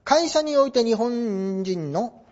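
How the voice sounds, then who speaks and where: A man teaching a lesson, explaining example sentences in a lively, coaxing way. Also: very high voice, slow pace, highs cut off. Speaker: English teacher. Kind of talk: lecture with read-aloud example sentences.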